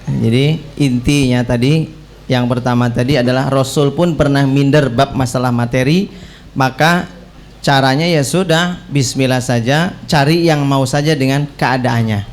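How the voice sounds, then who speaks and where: A man's voice: mid-range voice, normal speed. A man, preaching in a joking, teasing way and acting out the people who ask him questions. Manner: playful, teasing, acts out questioners. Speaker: Islamic preacher. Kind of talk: joking religious talk to young people.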